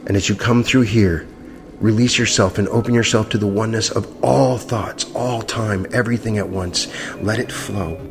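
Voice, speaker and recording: A man's voice: fairly low pitch, fairly even intonation, moderate pace. A man leading a guided meditation in a soothing, hypnotic manner. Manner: soothing, hypnotic delivery with repeated phrases. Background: music.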